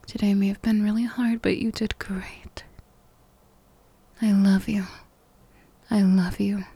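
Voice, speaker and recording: A woman whispers close to the mic in a slow, soothing comfort roleplay. Her voice is mellow and breathy, staying flat and even. The sound is dry with no room around it. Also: mid-range voice, no room sound. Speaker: ASMR roleplay performer.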